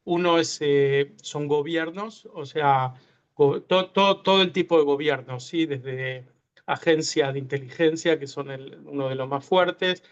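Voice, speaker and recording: A man's voice: a little high, a little slow, smooth. A man from Uruguay, a tech entrepreneur guest speaking hesitantly with many fillers and restarts in an online interview. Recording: muffled lo-fi video call audio.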